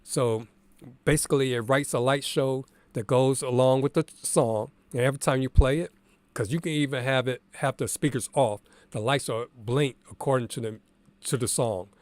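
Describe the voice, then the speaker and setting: A man's voice: mid-range voice, normal speed, no room sound. Male DJ, stuffy and congested, casual thinking-aloud tutorial delivery, dry close sound. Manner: relaxed and candid, thinking aloud with fillers. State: congested from allergies, morning voice. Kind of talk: casual screen-share tutorial.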